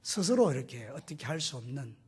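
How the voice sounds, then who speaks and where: A male pastor preaching a sermon, animated and putting questions to the congregation, with folksy, humorous stories. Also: mid-range voice, a little fast, slightly rough.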